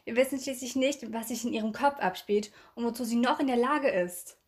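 A woman's voice: on the high side, a little fast, voice pushed up, lightly acted. A woman reading aloud and voicing an anxious, emotional teenage girl in a storybook, her voice slightly raised and tense. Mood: worried.

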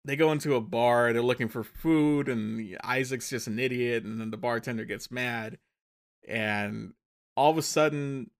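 A man's voice: medium pitch, moderate pace. A man co-hosting a podcast, recapping a film in casual chat, rambling and correcting himself as he goes, often laughing. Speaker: podcast co-host. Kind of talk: casual movie review chat.

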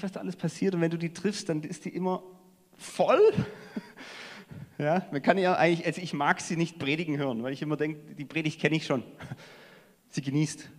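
A man with a fairly high voice delivers a sermon, talking to the congregation like a friend, then pressing a point hard or dropping almost to a murmur. His voice rings out with a long reverb trail, as in a large church hall. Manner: conversational preaching, swinging between emphatic and hushed. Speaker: preacher.

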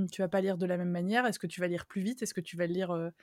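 A woman hosting a podcast in casual chat, with a tired, slightly strained voice and a Vendée accent, lively and laughing often. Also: lowish voice, fast talker, no room sound, clean studio sound. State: tired voice, throat worn. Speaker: podcast host.

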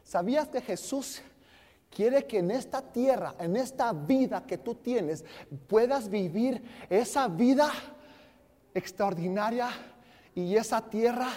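High-voiced Mexican pastor preaching fervently. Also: male voice, lively intonation, slow pace. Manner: fervent, shifts from soft asides to shouted emphasis, jokes with the congregation. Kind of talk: sermon. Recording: long hall reverb.

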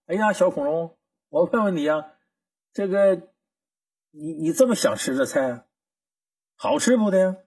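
Teasing friendly elder host, a guy doing it, husky and kinda high. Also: expressive, moderate pace, pauses often, a little mellow, no room sound, far from the mic, full character voice. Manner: playful ribbing.

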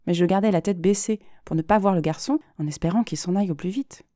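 A woman's voice: on the low side, quick pace, warm tone, dry recording, clean studio sound, close to an everyday voice. A woman reading aloud as an anxious young woman who nervously confides in her therapist. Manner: nervous, self-mocking. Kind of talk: dramatic reading.

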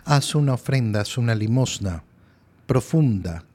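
A man's voice: medium pitch, animated, a little slow, warm tone. A middle-aged male priest giving an earnest, emphatic sermon, often repeating his key phrases. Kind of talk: lectio divina sermon.

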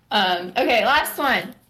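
A woman's voice: sits high, sharp tone. A woman hosting a casual chat and teaching Korean sounds, laughing often and teasing.

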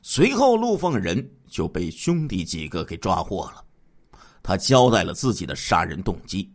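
A man narrating a true-crime radio program as a dramatic storyteller, with animated delivery and drawn-out sentence-end particles. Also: sits low.

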